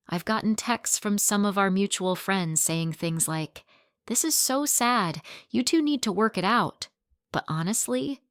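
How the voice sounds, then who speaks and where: A woman reading a first-person story aloud in plain, steady storytelling. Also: mid-range voice, smooth, no echo, studio quality. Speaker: narrator.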